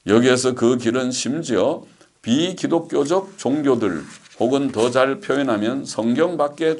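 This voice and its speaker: A man's voice: on the low side, darkish tone. A man, a pastor, giving a theology lecture, reading passages aloud and then explaining them with frequent fillers.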